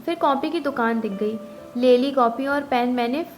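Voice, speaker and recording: A young woman with a high voice tells a reflective first-person story. She speaks gently and thoughtfully, and carries the other characters' lines in her own voice. Soft music plays faintly behind her. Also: moderate pace.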